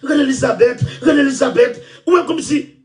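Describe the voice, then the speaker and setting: A man with a Haitian Creole accent, ranting loudly and repeating himself. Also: extremely high pitch, moderate pace, distant mic. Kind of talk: impassioned rant.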